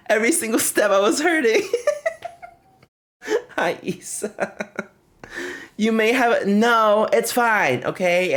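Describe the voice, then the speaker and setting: A man livestreaming, casually telling trip stories to his chat, laughing often and breaking off to greet and thank viewers. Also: high-pitched. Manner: animated, laughing often, rambling with fillers.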